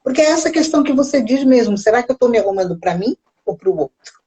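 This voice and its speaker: A woman co-hosting a live talk show, telling animated stories and laughing often in casual chat. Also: fairly high pitch, quick pace, low-quality recording. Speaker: co-host.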